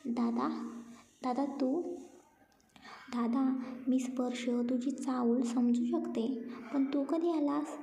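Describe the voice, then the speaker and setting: Storybook reading: woman doing a pleading, peacemaking young sister, mellow and gravelly. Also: high voice, steady tone, slow, pauses often, exaggerated voice. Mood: affectionate. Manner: pleading, coaxing. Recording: roomy, muffled lo-fi recording.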